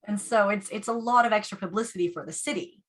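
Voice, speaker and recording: A woman's voice: medium pitch, quick pace. A woman and yarn dyer chatting casually as a guest on a video call, laughing often.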